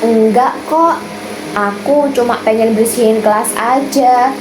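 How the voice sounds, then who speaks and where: A young woman playing a friendly, calm student from Padang in a school skit, speaking gently. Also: a little high, unhurried, echoey room, noisy background, close to an everyday voice.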